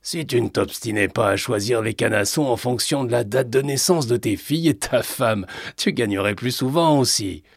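A man's voice: on the low side, big pitch swings, moderate pace, vocal fry, slightly rough, no room sound, clean studio sound, exaggerated voice. A man voicing a jovial, mocking café owner who banters with regulars.

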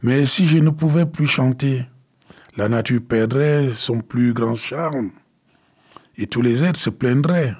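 A man's voice: medium pitch, takes it slowly, darkish tone, breathy edge, voice pushed up. Man doing a proud little songbird type, raised voice, storybook. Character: proud singing creature, refusing politely.

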